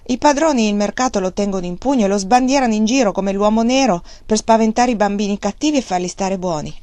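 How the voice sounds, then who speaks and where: A woman's voice: medium pitch, fast talker, warm tone, no room sound, natural voice. A woman reading the part of a blunt, angry middle-aged male mill worker, defiant and scornful.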